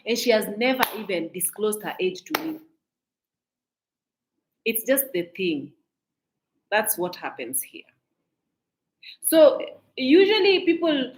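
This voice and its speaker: A woman from Kenya with a Kenyan accent, giving casual, talkative commentary on celebrity gossip to her viewers, emphatic and repeating herself. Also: fairly high pitch. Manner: mixes in Swahili phrases.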